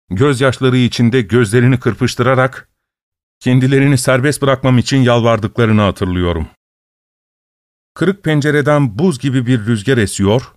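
A man narrating a story in a steady, measured reading voice. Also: medium pitch, no room sound, studio quality.

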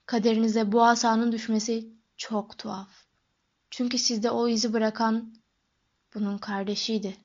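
An intense, eccentric old wandmaker, as a woman reading the audiobook puts him on speaks in a soft, slightly lowered murmur. The voice sits fairly high. The recording is dull and lo-fi. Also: level tone, normal speed. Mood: hushed, musing.

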